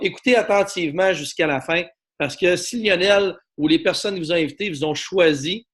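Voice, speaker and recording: Man, Québécois French accent, fairly high voice, persuasive sales pitch, lots of fillers and rhetorical questions. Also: a bit bright. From Quebec. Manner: persuasive, asks the audience for agreement, many fillers. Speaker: network marketing presenter. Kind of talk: sales pitch to an online audience.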